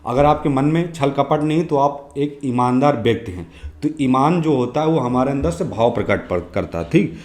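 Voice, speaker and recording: Male exam-prep teacher, slightly hoarse, asks each question aloud and answers it himself. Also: mid-range voice, animated, normal speed, a little mellow. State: slightly hoarse, clearing throat. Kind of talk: exam prep grammar lesson.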